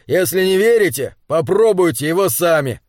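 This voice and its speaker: A man reading an audiobook, voicing a blunt, hot-tempered bald man who speaks loudly and coarsely. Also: high voice, animated, normal speed, dry recording, clean studio sound. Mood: indignant. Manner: loud, indignant, coarse. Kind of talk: audiobook character dialogue.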